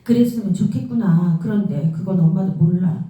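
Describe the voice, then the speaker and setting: A woman voicing a gentle, soft-spoken, grieving middle-aged mother in a read-aloud story. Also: fairly low pitch, moderate pace, close to an everyday voice. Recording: very roomy echo, mic far off.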